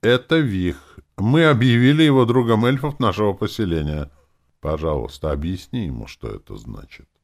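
A man's voice: lowish voice, lively intonation, moderate pace, pitched above the performer's own voice. A man voicing a formal, ceremonious male elf druid elder. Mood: solemn.

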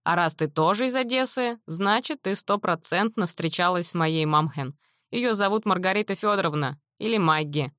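A woman's voice: on the low side, normal speed, dry recording, studio quality, lightly acted. A woman voicing a cheeky, talkative teenage boy who teases and explains things at length, in a storybook reading. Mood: chatty. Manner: chatty, teasing, lively explaining.

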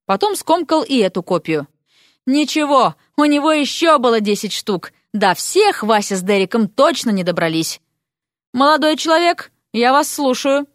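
A woman narrating an ironic fairy-tale audiobook in a lively, storytelling manner. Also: fairly high pitch, moderate pace, no room sound, clean studio sound.

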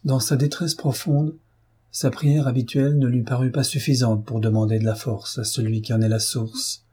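A man with a French accent reads a classic novel aloud in a calm, measured storytelling voice. His tone is dark and mellow, with a husky edge. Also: medium pitch. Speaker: narrator. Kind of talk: literary audiobook reading.

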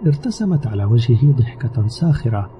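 A man narrating an audio novel in a steady, measured storytelling manner. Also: medium pitch, slight background noise. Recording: slightly dull recording with background music. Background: soft music.

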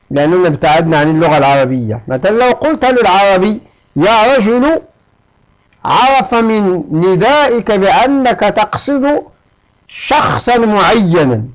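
A man's voice: high-pitched, low-quality recording. A man teaching a grammar lesson. He repeats his examples and checks on his listeners with a short "ha?" as he explains.

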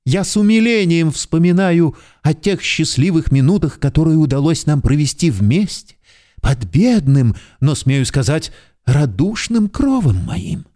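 A man's voice: fairly high pitch, big pitch swings, unhurried, warm tone, voice pushed up. A man voicing a pleading, fawning timid clerk. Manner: pleading, repetitive, overly formal and humble. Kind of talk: audiobook character voice.

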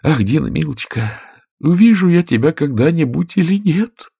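A man's voice: medium pitch, very animated, normal speed, breathy edge, dry recording, clean studio sound, voice pushed up. A man voicing a polite, curious young girl in a storybook reading, speaking eagerly in a raised voice. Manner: polite, eager, rising questions.

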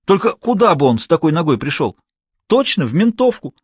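A sullen henchman grumbles and sulks, always on the defensive, as a male narrator puts him on. The voice moves with a lively rise and fall and sounds dry and close. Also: on the high side, brisk, husky, dry recording, voice pushed up.

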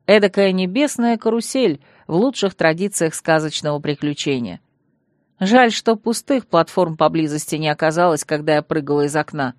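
A woman reading a fantasy novel aloud, telling the story with lively expression. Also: fairly low pitch, no room sound, clean studio sound. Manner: lively storytelling, acting out the dialogue. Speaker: audiobook reader. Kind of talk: scripted narration.

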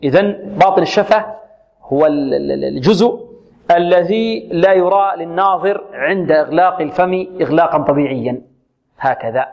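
Man teaching Quran recitation, slow and precise. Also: on the high side, gravelly. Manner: repeats syllables slowly to model pronunciation, asks questions to the class. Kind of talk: tajweed lesson with recited examples. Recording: muffled lo-fi recording.

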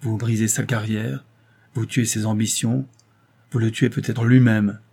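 A stern doctor lectures in a cold, cutting, ironic way, as a male reader does him. His voice is dark and husky. It is a storybook dialogue read aloud. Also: on the low side, level tone, unhurried, heavily acted.

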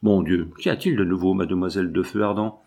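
An old, paralysed peasant spinner speaks, anxious and nearly maternal, as a male storybook reader does her. The voice sits low. Her lines are read calmly inside the narration. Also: fast, gravelly. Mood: alarmed.

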